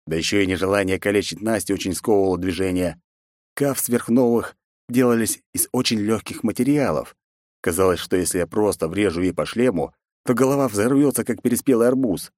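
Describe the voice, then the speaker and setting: Man, low voice, first-person audiobook narration, sardonic, dry studio sound. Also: fairly quick, darkish tone, no room sound. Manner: wry, sardonic storytelling.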